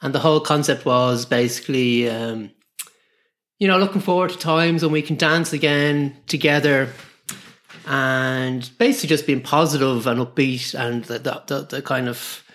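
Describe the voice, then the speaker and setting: An Irish man in a casual interview as a guest artist, explaining his work in a halting, repetitive way. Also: mid-range voice, a bit bright. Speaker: guest artist and screen printer.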